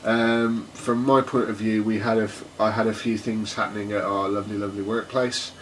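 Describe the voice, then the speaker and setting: A man with a lowish voice co-hosts a laid-back tech podcast, rambling along with plenty of ums and restarts and laughing easily. He sits some way back from the mic, so there is a faint hiss of room ambience behind him. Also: flat delivery, fairly quick, recorded from a distance. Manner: rambling, hesitant, laughs often. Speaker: podcast co-host. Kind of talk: casual chat.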